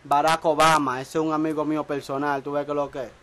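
A man's voice: a little high, level tone, quick pace, fairly bright tone, rough recording. Boastful studio producer man. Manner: boastful, joking, slangy. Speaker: music producer. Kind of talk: casual studio chat. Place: small recording studio.

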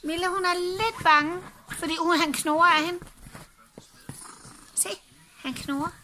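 A woman's voice: extremely high pitch, a little hiss or hum. A woman from Denmark, a mother and grandmother, chatting at home and cooing over the dogs. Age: older. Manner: fussing lively chatter, coos at dogs. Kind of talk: casual family chat. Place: home living room.

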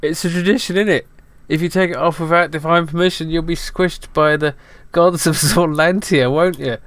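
A man's voice: on the high side, steady tone, normal speed, fairly bright tone, no echo, voice pushed up, close to an everyday voice. A man voicing a cocky male villager who tacks slang tags onto his lines and insists on a silly tradition. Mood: cheeky.

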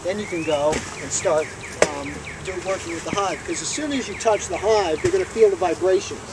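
A man's voice: high-pitched, fairly quick. Male beekeeping instructor, 40s, practical and explanatory, captured by a distant camera with noise. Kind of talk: hands-on teaching talk. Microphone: far camera. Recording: echoey and noisy from far off.

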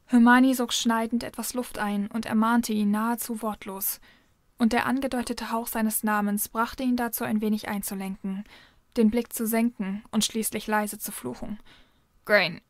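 A woman's voice: on the high side, no echo. Woman reading a story, dry sound. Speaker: fan fiction reader.

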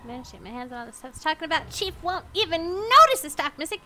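A woman's voice: very high voice, sing-song, fast, bright, forceful tone, slight background noise. A woman livestreaming a video game with playful, silly commentary full of babble and exclamations. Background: game music and sound effects.

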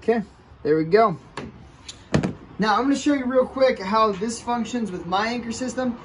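The kayak fishing host, a man in his thirties, has a very high voice and talks at a moderate pace while demonstrating a task step by step on his porch. Background noise surrounds him, and the camera mic sits a few feet from where he works with his hands.

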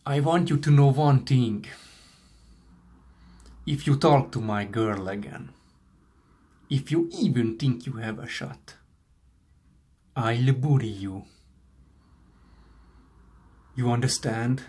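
Young male actor playing menacing jealous man, audition monologue, slow confrontational delivery, pauses. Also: mid-range voice, mellow, close to an everyday voice. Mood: menacing, forceful. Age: young adult. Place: small furnished room indoors. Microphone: camera a short distance away.

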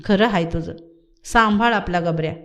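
A woman reading aloud and voicing a calm, good-humoured old village man who talks in an unhurried, amused way. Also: lowish voice, lightly acted.

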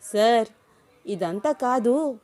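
A woman reading a story, voicing a lively, quick-tongued young woman who protests and insists. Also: on the high side. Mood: insistent.

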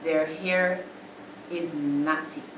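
A woman's voice: deep voice, steady tone, very slow. A young woman with a Jamaican accent, bantering casually in Patois and English and often objecting in exasperation. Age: young adult. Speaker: co-host of a translating challenge. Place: living room at home. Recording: roomy echo, distant mic, noisy.

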